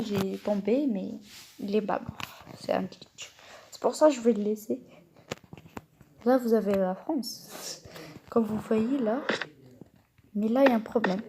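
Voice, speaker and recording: Slow, hesitant woman with noisy recording. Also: on the high side, warm tone. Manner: hesitant, explains step by step to viewers. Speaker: gamer showing a build. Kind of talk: casual game walkthrough. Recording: noisy home recording with clicks.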